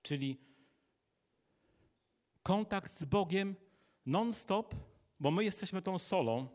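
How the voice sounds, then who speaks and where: A man's voice: high-pitched, lively intonation, takes it slowly, darkish tone. A man preaching a sermon in a conversational way, asking his listeners rhetorical questions and acting out little imagined dialogues.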